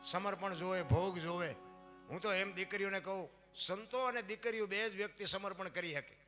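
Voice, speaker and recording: Kathiawadi male folk preacher, high and very bright voice, emphatic devotional sermon, faint instrument behind. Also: normal speed, faint music behind. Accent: Kathiawadi Gujarati. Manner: emphatic preaching, often addresses listeners as "bapu", loudness rising and falling. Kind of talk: devotional sermon on saints and scripture.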